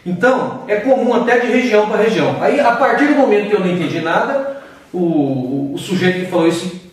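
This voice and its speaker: A Brazilian man gives a casual English pronunciation lesson, his voice sitting high. He explains slowly and pauses to demonstrate sounds. The sound is distant, with heavy room echo around it. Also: lively intonation. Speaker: English teacher. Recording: very echoey room, far from the mic.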